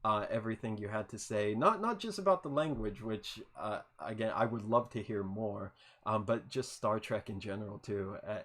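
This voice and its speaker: A man's voice: fairly low pitch, normal speed, few pauses, a bit bright. A man hosting a podcast interview on a video call, eager and stumbling over repeated words. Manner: enthusiastic, stammers and repeats words. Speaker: podcast host. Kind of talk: casual interview chat.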